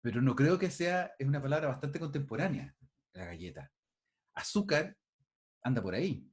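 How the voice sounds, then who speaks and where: A man's voice: mid-range voice, animated, normal speed. Man lecturing over a video call. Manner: thinks aloud with many restarts, quizzes students. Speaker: teacher. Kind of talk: online class lecture.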